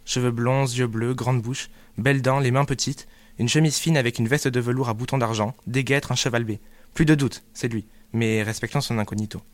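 A man playing a confident traveler in a read-aloud drama, with an even, matter-of-fact reading. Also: mid-range voice, normal speed, dry recording, close to an everyday voice. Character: chatty male traveler, confident.

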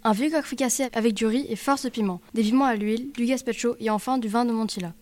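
A woman voicing a poor old innkeeper woman in a read-aloud drama, in a calm, plain way. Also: fairly high pitch, fast, no room sound, lightly acted. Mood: hospitable. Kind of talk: audiobook character reading.

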